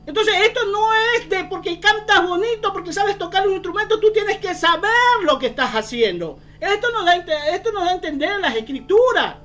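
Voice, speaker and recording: A woman's voice: extremely high pitch, expressive, normal speed, hardly any pauses, a bit bright. A woman preaching a fervent sermon, often calling her listeners brother.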